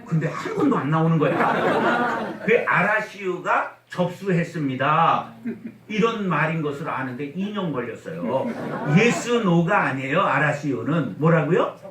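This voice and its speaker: A man preaching a humorous revival sermon, getting the congregation to repeat after him and mimicking slow regional speech. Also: fairly high pitch, lively intonation, background noise. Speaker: guest pastor at a revival meeting. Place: church sanctuary. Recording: echoey church hall, mic at a distance.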